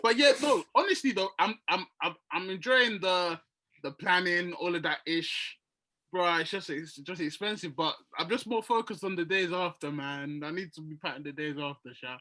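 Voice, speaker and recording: A young man co-hosting a casual podcast chat, animated and laughing, full of slang. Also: sits high, moderate pace. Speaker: podcast co-host.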